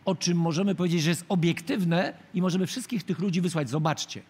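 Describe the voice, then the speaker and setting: A man's voice: high-pitched, a little fast, a little mellow, husky. A middle-aged man hosting a late-night talk show, teasing and mocking his guest and laughing at his own jokes. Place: TV studio with live audience.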